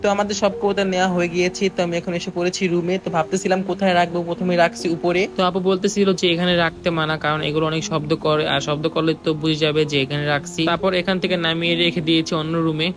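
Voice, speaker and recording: A man's voice: high voice, level tone, noisy background. A young man hosting a prank vlog, chatting casually and slipping English phrases into his speech. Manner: rapid, mixes English phrases into Bengali. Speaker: vlogger host.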